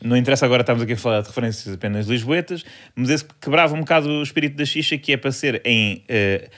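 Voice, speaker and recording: A man's voice: mid-range voice, very fast, fairly bright tone. A man with a European Portuguese accent, co-hosting a comedy podcast, telling rambling, digressive stories. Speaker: podcast co-host.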